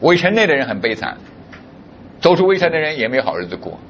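Animated man preaching a sermon. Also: a little high, fast, dull audio, a little hiss or hum. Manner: keeps asking the congregation rhetorical questions. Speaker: pastor.

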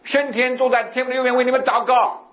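A man's voice: extremely high pitch, quick pace. A man preaching a sermon as pastor, telling stories and asking the congregation rhetorical questions. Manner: animated, rhetorical questions, storytelling. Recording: echoey, slightly dull recording with faint noise.

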